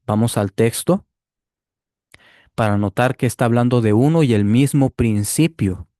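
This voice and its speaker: Guy going slow through a bible text, low mellow voice, dry close sound. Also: no echo. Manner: slow, deliberate, explains step by step with "¿sí?" checks. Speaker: Bible teacher rebutting a clip. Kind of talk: apologetics commentary.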